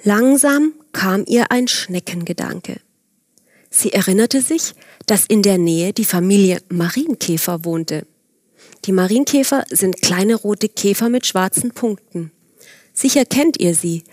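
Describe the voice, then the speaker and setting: A woman narrates a children's story in a calm, unhurried voice of middling pitch. She talks straight to her young listeners and sometimes sinks to a soft whisper. The recording is close and dry, with no room sound. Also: no room sound.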